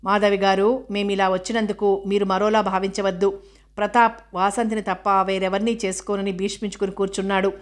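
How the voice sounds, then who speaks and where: Woman reading as stiff middle-aged man, formal, firm, recited, flat tone, audiobook novel. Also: mid-range voice, fairly quick, close to an everyday voice.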